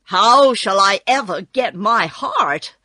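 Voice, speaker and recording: A woman's voice: lowish voice, animated, slow, sharp tone, no echo, heavily acted. A woman voicing an angry, impatient man of tin in a storybook, emphatic and indignant.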